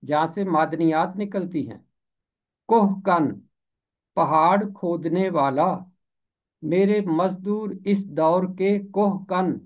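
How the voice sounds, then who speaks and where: A man's voice: high voice, lo-fi sound. A man teaching the pronunciation and meaning of words, saying each term carefully and repeating it for clarity. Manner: deliberate, repeats each word slowly for clarity. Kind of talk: explanatory lesson on word pronunciation.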